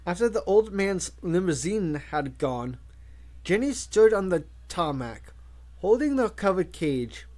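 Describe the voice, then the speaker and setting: A male audiobook reader narrating a novel. His voice sits a touch high and moves expressively, with plenty of rise and fall. He reads at a slow, unhurried pace. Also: sing-song, darkish tone. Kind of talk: audiobook reading.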